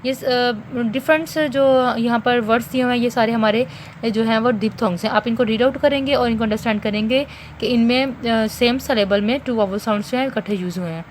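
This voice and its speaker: A woman with a fairly high voice teaches an English lesson to students at home. She reads example words carefully and slowly, then explains them with hesitant fillers. A faint hiss sits under the recording. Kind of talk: recorded online class lecture.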